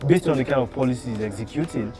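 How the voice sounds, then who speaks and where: A man's voice: medium pitch, racing, music in the background. A man with a Nigerian accent chatting casually and teasingly with his partner, talkative and playful. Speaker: partner in a long-distance couple. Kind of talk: casual chat.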